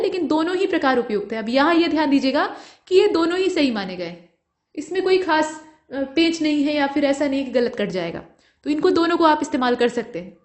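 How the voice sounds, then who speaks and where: A woman teaching an exam prep lesson, explaining patiently and checking in often with her students. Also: sits high. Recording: echoey room.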